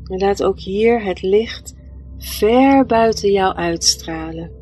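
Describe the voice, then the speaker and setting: A woman narrates a guided meditation at a very unhurried pace. Her delivery is soft and gentle, with long pauses between phrases, and music plays behind her mid-pitched voice. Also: low-quality recording.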